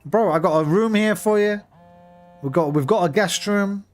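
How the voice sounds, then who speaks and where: A man's voice: sits high, normal speed. A man chatting casually on a gaming livestream, blunt, bantering and sweary. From West Midlands, England. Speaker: game streamer.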